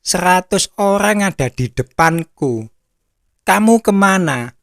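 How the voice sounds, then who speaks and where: A stern male Jesus rebukes a wayward disciple with slow, deliberate words, as a preacher voices him. The voice sits a little high and sounds dry and close. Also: animated, creaky, no room sound, heavily acted. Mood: questioning.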